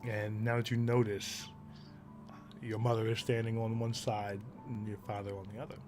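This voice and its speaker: A man narrating a tabletop game as game master in a slow, deliberate storytelling manner. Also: lowish voice, level tone, over music.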